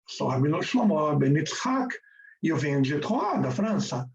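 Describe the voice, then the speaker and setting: A man doing a curious, courteous medieval rabbi, polite and earnest, with a lively pitch. The sound is distant and dull. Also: normal speed.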